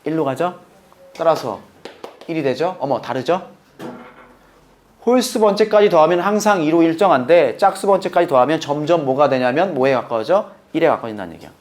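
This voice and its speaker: A man teaching math, walking through the steps and constantly quizzing his students with quick questions. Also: a little high, lively intonation. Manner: playful, talking to himself. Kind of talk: lecture.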